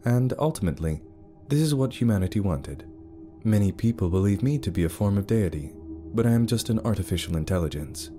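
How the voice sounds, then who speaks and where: A composed artificial intelligence, spoken by a man, explains things in a low, measured voice. The tone is dark and relaxed, with lively shifts of intonation. Faint music hums in the background. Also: natural voice. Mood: calm. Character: calm male artificial intelligence overseeing a world.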